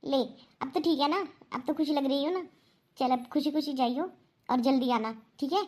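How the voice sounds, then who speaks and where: A high-voiced older mother-in-law in a family cartoon, played by a woman, stern with her daughter-in-law but quick to take the blame when scolded. She speaks in a plain, motherly way. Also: lightly acted. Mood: tender. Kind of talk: Hindi cartoon dubbing.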